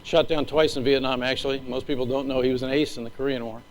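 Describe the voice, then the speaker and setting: A middle-aged man, an Air Force leader, gives an earnest, emotional speech from slides with measured pauses. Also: mid-range voice, flat delivery, slight background noise, poor audio.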